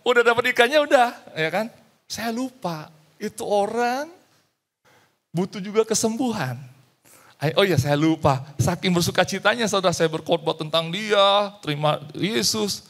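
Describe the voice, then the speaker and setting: A man's voice: high-pitched, expressive, moderate pace, fairly bright tone. A male pastor telling a story in a sermon, acting out the dialogue and slipping into English phrases.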